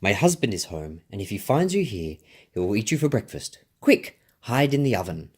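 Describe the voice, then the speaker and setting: A man's voice: on the low side, sing-song, normal speed, a little mellow, breathy edge. A man voicing a kindly, no-nonsense giantess with emphatic delivery, reading a children's storybook. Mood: alarmed. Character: kindly giantess, huge motherly woman, protective, no-nonsense.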